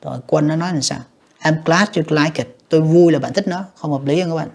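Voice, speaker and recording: Teacher going over exam answers, gravelly voice, reads the english then explains it. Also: mid-range voice, brisk, a little mellow. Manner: reads each English option, then translates and judges it, often addressing "các bạn". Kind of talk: exam review lesson.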